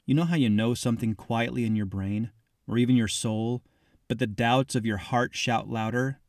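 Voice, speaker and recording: A man's voice: mid-range voice, normal speed, dry recording, clean studio sound. Man reading a confiding first-person audiobook. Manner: reflective, confiding, addressing the listener as "you". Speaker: audiobook narrator.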